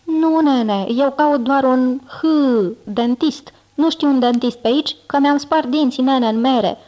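Squeaky whiny little dragon boy, woman putting it on, storybook read. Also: dark tone, natural voice, rough recording. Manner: whining, pleading. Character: small scared boy dragon pup, whiny. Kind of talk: audiobook character reading.

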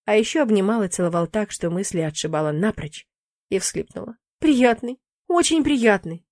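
A woman reading a first-person fantasy audiobook in an expressive, emotive way. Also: on the low side, fairly quick, dry recording, studio quality. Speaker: audiobook narrator.

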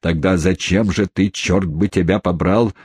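A man voicing a hot-tempered elderly male host who shouts and blusters in a storybook reading. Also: low voice, fairly even intonation, dry recording, studio quality. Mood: angry. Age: older. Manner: gruff, quick to anger.

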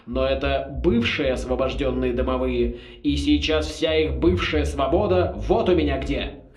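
A man voicing a suave, scheming old former rector turned sorcerer villain in an audiobook, speaking slowly, loudly and with menacing politeness. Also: medium pitch, steady tone, echoey room, lightly acted. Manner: slow, loud, menacingly polite. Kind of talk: audiobook character voice.

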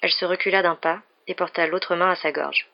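Brief: evening story reader, woman, steady and even, gravelly texture. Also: on the low side, fairly quick, lo-fi sound. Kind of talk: reading a novel aloud.

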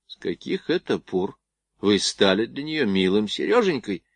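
A man reading the lines of a sharp-tongued, teasing young woman, with a reproachful manner and dry close sound. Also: on the low side, expressive, fairly quick, dry recording.

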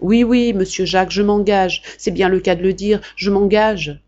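A woman reading the part of a stout, warm-hearted older man who exclaims loudly and emotionally. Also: medium pitch, fairly even intonation, moderate pace, dull audio, close to an everyday voice. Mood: fervent.

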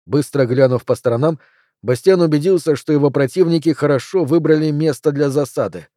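A man reading a novel aloud in measured, even narration. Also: on the high side, no room sound, studio quality. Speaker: audiobook reader. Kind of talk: scripted narration.

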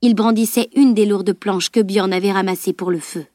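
A woman narrating a novel aloud as an audiobook reader, in a measured storytelling tone. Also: medium pitch, steady tone, darkish tone, no echo, clean studio sound. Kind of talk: scripted narration.

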